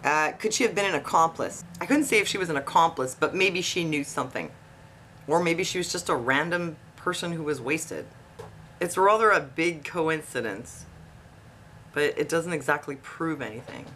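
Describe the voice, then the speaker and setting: An online video host, a woman with a low, fairly bright voice and lively intonation, offers informal investigative commentary at normal speed. She's conversational and questioning with her viewers. The noisy recording picks up buzzing from tree cutting outside.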